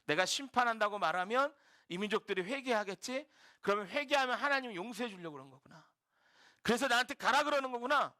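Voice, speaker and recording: A man's voice: extremely high pitch, animated, fast, pushed and bright, heavily acted. A male pastor voicing a reluctant prophet who muses to himself during a sermon. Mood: realizing. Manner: musing, talking to himself.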